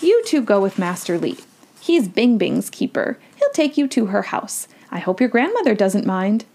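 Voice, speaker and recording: Doctor Ling, woman doing a brisk guide. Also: mid-range voice, sing-song, gravelly, a little mellow. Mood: instructive. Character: brisk female guide at an animal center. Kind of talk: storybook read-aloud.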